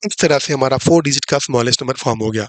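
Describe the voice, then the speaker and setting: A man with a mid-range voice teaches a live online maths class, talking fast and explaining each step while repeating the main points. He's chatty and jokes with his students about the live class, and the audio has no echo.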